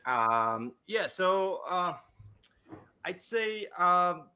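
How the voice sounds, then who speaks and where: A man's voice: high voice, sing-song, drawn-out words, sharp tone, smooth. A male wedding photographer answering interview questions over a video call, hesitant, with many fillers and restarts.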